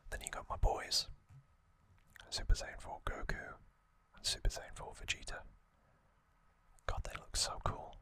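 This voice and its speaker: Softly whispering, an ASMR host in his thirties offers relaxed fan commentary, taking his time and leaving long pauses.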